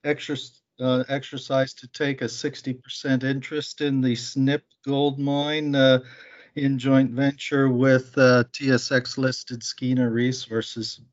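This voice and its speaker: A man giving casual mining market commentary over a remote laptop call, hesitant with many fillers, heard as a low quality stream with patchy audio. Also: dry recording. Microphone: laptop mic on a remote call. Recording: dull, lo-fi, dry stream audio.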